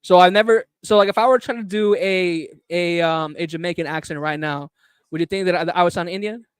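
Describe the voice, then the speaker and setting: High, smooth-voiced man hosting a stream. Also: brisk, no echo, studio quality. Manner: playful, joking, laughs often. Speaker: livestream host. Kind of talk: casual streaming banter.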